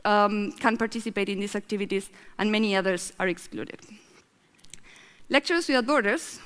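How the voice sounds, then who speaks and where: A woman's voice: fairly high pitch, fairly bright tone. Argentine-born woman speaking in a reverberant hall. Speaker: festival speaker, head of a science nonprofit. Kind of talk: conference talk.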